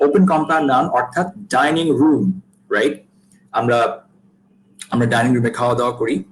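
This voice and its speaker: A man's voice: medium pitch, a little hiss or hum, low-quality recording. A man with a Bangladeshi accent teaching an English grammar lecture, mixing Bengali and English, repeating points and checking with "right?". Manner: switches between Bengali and English mid-sentence; explanatory, repeats points and asks "right?" often. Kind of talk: recorded online grammar lecture.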